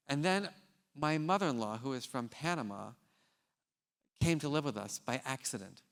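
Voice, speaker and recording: Male keynote speaker, mid pitch, animated and casual, recorded in a theater with long reverb. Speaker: scientist. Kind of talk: conference keynote with storytelling. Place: large theater stage.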